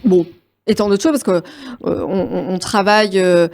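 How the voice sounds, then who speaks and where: A woman's voice: mid-range voice, steady tone, moderate pace, creaky, a little mellow. A woman guest on an interview podcast, talking casually about voice-over work, with frequent hesitations and fillers. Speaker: guest, voice-over artistic director.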